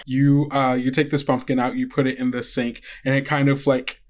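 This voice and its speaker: A game master improvises scene description for a tabletop roleplaying game in a mid-pitched, androgynous voice with little pitch movement. The delivery is casual and conversational, haltingly feeling out each detail.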